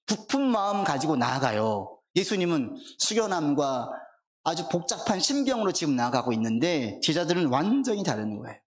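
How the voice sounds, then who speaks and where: A male pastor delivering a Sunday sermon in a church, his somewhat high voice rising and falling in wide, animated swings. He keeps putting questions to the congregation and answering them himself, and he slows down to read scripture aloud. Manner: reads scripture aloud slowly. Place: church sanctuary.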